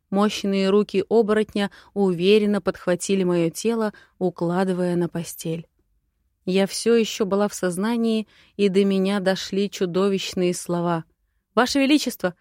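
A young woman reads a fantasy audiobook in the first person, voicing her inner thoughts expressively. Her voice sits at a middle pitch. The recording is dry and close. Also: a little slow, no room sound. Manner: expressive, inner-monologue reading. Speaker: audiobook narrator.

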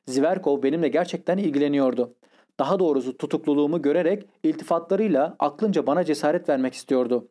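Mellow-voiced man narrating an audiobook. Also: on the high side, quick pace.

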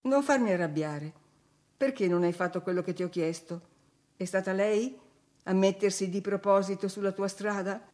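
A woman reading aloud voices a commanding, quick-tempered young mistress of the house, sharp and scolding. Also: mid-range voice, natural voice.

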